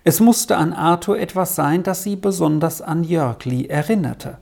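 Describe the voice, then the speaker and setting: A woman narrating a storybook with calm, expressive storytelling. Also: lowish voice, normal speed, gravelly, slightly rough. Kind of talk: storybook reading.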